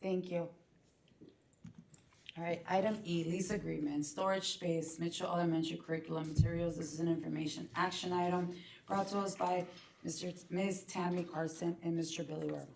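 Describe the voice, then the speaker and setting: A woman chairing a school board meeting, moving briskly through agenda items. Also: lowish voice, steady tone, vocal fry, darkish tone, recorded from a distance, a little hiss or hum. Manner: brisk, procedural. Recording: echoey meeting room.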